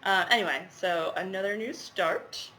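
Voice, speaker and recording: In poor-quality audio with a little hiss or hum, a woman talks at normal speed in a mid-range voice that sounds pushed and bright. She's a cross-stitch vlogger with a head cold, rambling through a casual show-and-tell of her stitching with plenty of fillers.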